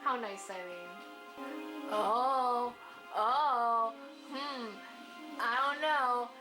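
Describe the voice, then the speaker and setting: A woman giving excited game reaction commentary, gasping and squealing as she plays. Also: fairly high pitch, very slow. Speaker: gaming channel host. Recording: game music loud beneath voice. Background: game music.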